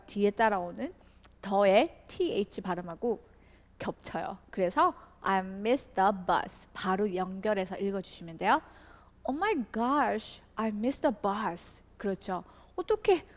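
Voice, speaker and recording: A lively Korean woman teaches English, keeps checking in with her viewers and reads the English lines slowly for them to copy. Her voice sits a little high. It rings with a long reverb behind it. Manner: lively, with many checking questions and slow model readings of English lines. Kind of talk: video English lesson.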